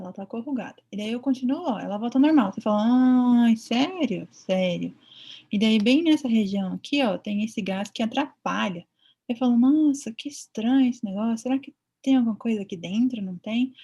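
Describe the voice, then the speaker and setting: A woman's voice: mid-range voice, mellow, slightly rough. A woman with a Brazilian Portuguese accent giving a chatty online veterinary ultrasound lecture, often acting out her own thoughts.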